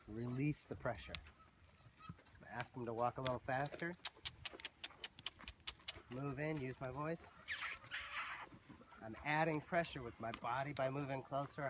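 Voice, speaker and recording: A man teaching horse handling, giving calm, soothing voice cues to a horse outdoors. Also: medium pitch. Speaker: horse trainer. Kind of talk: instructional demonstration. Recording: loud outdoor noise, distant mic.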